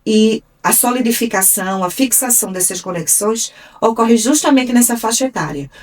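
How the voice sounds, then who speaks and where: A woman from Brazil with a Brazilian Portuguese accent, a speech therapist explaining things in a measured way on a radio interview, often adding tag questions. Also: on the high side, animated, recorded from a distance. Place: radio studio.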